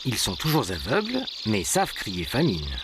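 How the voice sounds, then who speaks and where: A man's voice: lowish voice, huge pitch swings, normal speed, noisy background. A man reading scripted narration for a nature documentary. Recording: animal and bird sounds behind. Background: birdsong and natural ambience.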